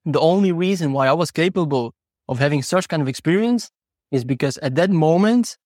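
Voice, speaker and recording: Animated and fairly quick, a man with a fairly high, slightly mellow voice speaks as a podcast guest. He's a horse trainer and non-native English speaker who reflects earnestly, using personal stories and rhetorical questions. The sound is dry and studio quality.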